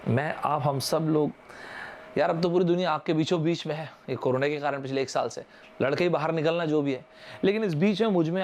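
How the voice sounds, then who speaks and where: This is a young man from India leading a live vocabulary lesson for exam aspirants. His voice sits a little on the high side. He talks in a loose, chatty way, spells words out letter by letter and keeps inviting viewers to answer in the comments. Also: darkish tone, a little hiss or hum. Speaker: online vocabulary teacher.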